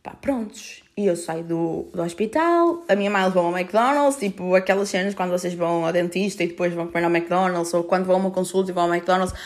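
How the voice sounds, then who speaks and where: Young Portuguese woman telling a story. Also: fairly low pitch. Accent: European Portuguese. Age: 20s. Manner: rapid, filler-heavy, swears freely. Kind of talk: casual personal storytelling.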